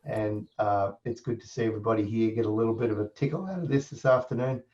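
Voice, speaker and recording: A man hosting a video call, giving halting closing remarks with many restarts. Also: on the low side, darkish tone. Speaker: event host. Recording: dull lo-fi call audio.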